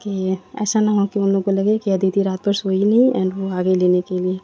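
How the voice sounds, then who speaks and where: A woman's voice: medium pitch, level tone, moderate pace, close to an everyday voice. A woman voicing a teasing, sensible young bride. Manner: teasing, gently scolding. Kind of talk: storytelling with voiced dialogue. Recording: dull lo-fi, faint noise.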